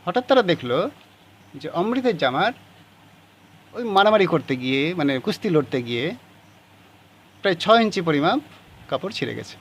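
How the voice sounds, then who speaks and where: A man's voice: on the high side, sing-song, normal speed, long pauses, slight background noise. A man teaching a class, reading passages of a story aloud and explaining how to write the answers.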